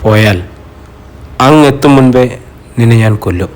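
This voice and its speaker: A man's voice: mid-range voice, lively intonation, moderate pace, a little mellow, close to an everyday voice. A man voicing a vengeful female yakshi spirit who threatens a young man in a horror audiobook. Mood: threatening.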